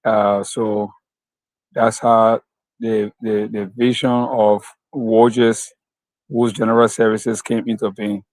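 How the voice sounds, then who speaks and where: A man from Liberia with a Liberian English accent, answering interview questions slowly and carefully, with many fillers. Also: fairly low pitch, level tone, darkish tone, dry recording, rough recording. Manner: slow, measured, with many fillers. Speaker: guest, company founder.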